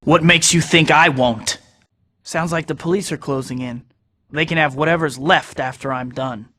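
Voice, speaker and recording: A wisecracking young superhero in a video game, quick with sarcastic jabs yet earnest underneath. His voice sits a little high with a bright, keyed-up edge. Each clip trails off into a long reverb. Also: fairly even intonation. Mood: grim determined. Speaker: game character. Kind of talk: game voice clips.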